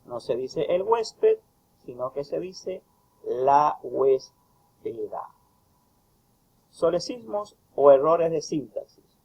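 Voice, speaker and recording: Male tutor, gravelly husky voice, emphatic lecture delivery, dull lo-fi recording. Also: fairly high pitch, very animated, darkish tone. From Ecuador. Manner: slow, emphatic reading of example phrases. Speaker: university tutor. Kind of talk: recorded lecture explaining grammar.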